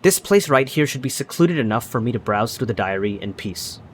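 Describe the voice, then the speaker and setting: A man's voice: mid-range voice, expressive, brisk, husky. A man reading a story game's first-person narration aloud as he plays. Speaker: video game player reading aloud. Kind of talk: dramatic reading of game narration.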